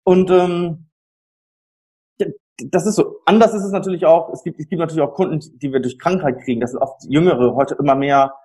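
Guy with a slightly higher husky voice chatting animatedly about his care work. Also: fairly quick. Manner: animated storytelling, acts out quoted people. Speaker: palliative care service provider. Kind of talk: conversational interview.

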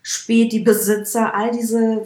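A woman's voice: fairly high pitch, flat delivery, slow pace, mellow, slight background noise. A woman in her thirties from Bavaria, talking bluntly and laughing often as a guest in a casual podcast chat. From Bavaria, Germany. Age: 30s. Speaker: guest, hairdresser. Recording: roomy echo.

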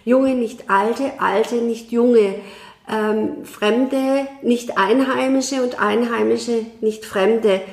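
A woman guest in a conversational interview, speaking in a measured, thoughtful way with frequent hesitations. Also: fairly high pitch, creaky, darkish tone, echoey room.

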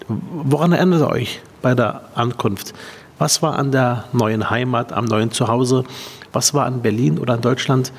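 A man interviewing two young women, asking gentle questions with many hesitations and fillers. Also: mid-range voice, moderate pace, big-room sound, a little hiss or hum. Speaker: interviewer, party politician.

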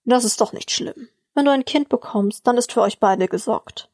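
Ein gelassener, selbstsicherer Barbesitzer, von einer Erzählerin gelesen, der langsam und beschwichtigend redet. Die Stimme bleibt recht hoch und klingt trocken und nah. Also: female voice, on the high side, moderate pace, darkish tone, no echo, studio quality. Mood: soothing. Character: older man, bar owner, calm and self-assured.

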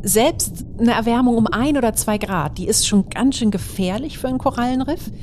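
A woman's voice: fairly high pitch, moderate pace, darkish tone, a little hiss or hum. A woman co-host presenting a travel podcast in a chatty, explanatory, conversational way. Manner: chatty, explanatory, with tag questions.

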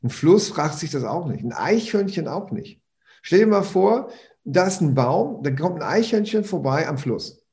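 A man's voice: a little high, very animated, moderate pace, a little mellow. A man, a personal development trainer, talking animatedly in a casual podcast conversation, repeating words and swearing offhandedly.

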